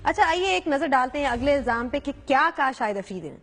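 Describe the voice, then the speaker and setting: A woman news anchor questioning a reporter live with crisp, probing questions. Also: high voice, lively intonation, fairly bright tone, in a large hall.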